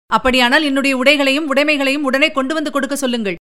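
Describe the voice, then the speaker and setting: A woman reading the part of a bold young male warrior envoy, fast and indignant in an audiobook story. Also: high voice, steady tone, bright, forceful tone. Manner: quick, indignant, demanding.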